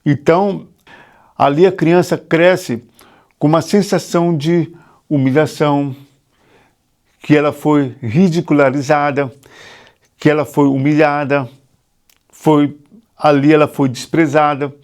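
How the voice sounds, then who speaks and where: A man's voice: a little high, steady tone, unhurried, pauses often, darkish tone. A Brazilian man, a psychotherapist, earnestly teaching and sharing his own story straight to the viewer, repeating himself and asking questions. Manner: earnest, repetitive, confessional. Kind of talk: teaching monologue to camera.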